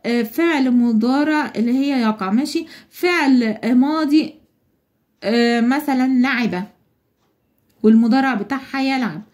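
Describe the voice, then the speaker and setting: A woman's voice: high voice, moderate pace, a little mellow. A woman with an Egyptian Arabic accent explaining a schoolbook lesson to young children, patient and step by step, asking questions and answering them herself. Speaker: primary school teacher.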